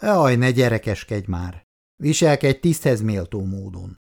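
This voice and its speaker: Guy reading a calm sneery militia boss, teasing and lecturing, voice goes up and down a lot. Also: lowish voice, vocal fry. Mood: cool mocking. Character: calm, cool-headed male militia leader, mocking.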